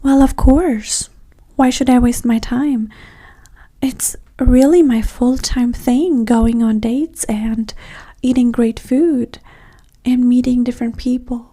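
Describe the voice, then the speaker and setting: A woman plays a vain, flirtatious date in an ASMR roleplay, mostly soft-spoken and frequently whispered, with a breathy, sassy, condescending attitude. She speaks slowly in a steady tone, her voice on the high side.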